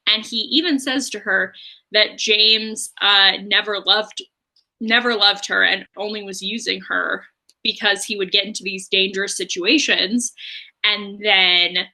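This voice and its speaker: A podcast co-host walks through book chapters in a loose, chatty discussion heavy with fillers. She has a medium-pitched, sharp-toned voice with fairly even intonation and a measured pace.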